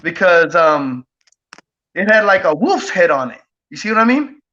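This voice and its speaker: A man with a high, bright, forceful voice tells a story as a guest, rambling and circling back with fillers and quick check-ins to his listener. The audio is dull and lo-fi. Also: big pitch swings. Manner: rambling, with many fillers and tag questions. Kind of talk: casual storytelling.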